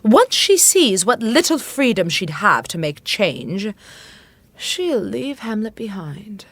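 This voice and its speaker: A woman's voice: mid-range voice, very animated, slow, fairly bright tone, slightly rough, no echo, heavily acted. An actress playing an anxious, devoted middle-aged widowed queen in an audio drama, with refined, earnest and emotive delivery. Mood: coaxing.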